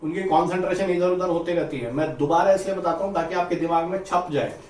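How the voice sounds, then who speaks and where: A man's voice: sits high, a little mellow, slight background noise. A man teaching a biology lesson for exam students, repeating points, drawing out key terms and mixing English words into his explanation. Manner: repeats points, urges students to listen carefully; stretches out key terms slowly. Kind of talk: exam-prep biology lecture. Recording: roomy echo, somewhat distant mic, faint ambience.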